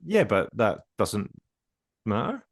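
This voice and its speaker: A man's voice: lowish voice, big pitch swings, takes it slowly, slightly rough. A man co-hosting a podcast in casual banter, blunt, joking and swearing freely. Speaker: podcast co-host.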